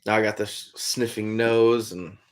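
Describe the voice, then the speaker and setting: A man's voice: on the low side, fairly even intonation, unhurried. A man chatting casually on a live stream, answering viewers in a laid-back way. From Iowa, USA. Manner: laid-back, calls chatters "buddy", trails off with "I don't know". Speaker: trapper hosting a live stream.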